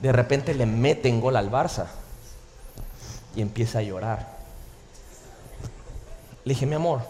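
A man preaching a sermon as pastor, animated and full of jokes, in a church hall. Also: medium pitch, a little slow, slight background noise. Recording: reverberant hall, faint ambience.

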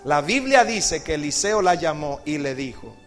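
At a church service, a male pastor with a slightly high, very animated voice delivers an evangelistic sermon at normal speed, with faint music in the background. He dramatizes the story and puts questions to the people listening.

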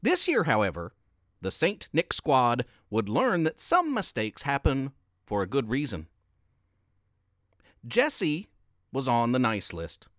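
A man reading a Christmas story aloud as narrator, in an expressive, sing-song way. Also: mid-range voice, takes it slowly, long pauses, dry recording, studio quality.

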